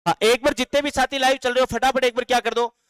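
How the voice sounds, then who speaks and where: A man with a Rajasthani accent teaches a live online class, pitching his voice high and speaking in a smooth, clear tone. He dictates notes at a slow pace, breaks into lines of folk songs, and answers comments from the chat. The recording is dry and close, with little room sound. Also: steady tone, a bit bright, dry recording.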